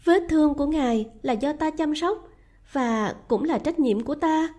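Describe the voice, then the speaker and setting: A tender young noblewoman speaks through tears, as a woman puts her on, her voice choked and trembling. The voice sits a little higher than the narration, with a mellow, soft tone. She pleads gently and falters, close to sobbing. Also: normal speed, close to an everyday voice. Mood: pleading.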